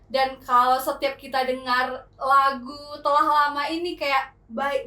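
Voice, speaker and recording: Bubbly podcast host lady, high chatty voice, kinda far from the mic in an echoey room. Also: bright, forceful tone. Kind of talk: casual podcast chat.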